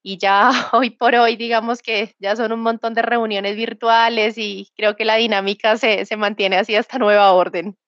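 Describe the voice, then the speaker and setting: This is a woman in her thirties with a Bogotá Colombian accent, answering interview questions in a halting way full of fillers and restarts. Her voice comes through dry and muffled, like dull lo-fi remote audio. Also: on the high side, level tone, a bit bright, no room sound. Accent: Bogotá Colombian Spanish. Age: 30s. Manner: hesitant, many fillers and restarts. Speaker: guest. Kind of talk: conversational interview.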